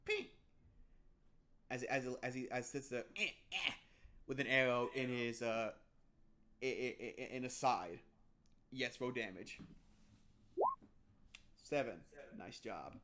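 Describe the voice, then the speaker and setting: A man's voice: medium pitch, fairly even intonation, a bit bright. A young man narrating a tabletop game as game master, stumbling over words and restarting often. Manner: halting, many restarts and fillers.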